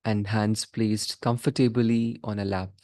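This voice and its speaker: A male meditation teacher guides a session with measured instructions in short phrases separated by pauses. His voice sits on the low side, level and a little mellow, recorded dry in studio quality.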